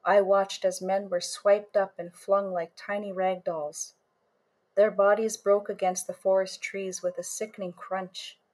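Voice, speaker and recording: Measured woman reading a story aloud. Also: mid-range voice, level tone, darkish tone. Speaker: author and storyteller. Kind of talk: first-person storytelling reading.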